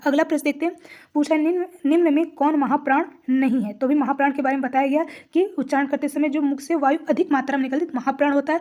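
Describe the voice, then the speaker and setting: High-voiced woman teaching exam prep. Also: darkish tone. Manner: explains step by step, repeats key terms.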